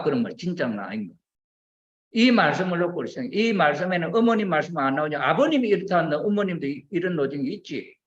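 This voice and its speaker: An older man preaching a sermon, questioning his listeners and acting out quoted voices as he goes. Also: on the high side. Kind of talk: sermon to a congregation. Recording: roomy, dull lo-fi recording.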